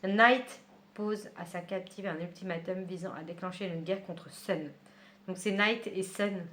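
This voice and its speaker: A woman's voice: fairly low pitch, unhurried, fairly bright tone, a little hiss or hum. A woman book vlogger chatting casually at home while she unboxes a book subscription box, with many fillers and small laughs.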